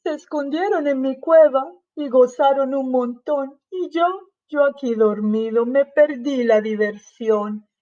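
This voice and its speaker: A woman's voice: high voice, measured pace, hardly any pauses, warm tone. A woman voicing a big brown male bear in a storybook reading who whines and sulks. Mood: whiny. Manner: whining, complaining. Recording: slightly dull lo-fi recording.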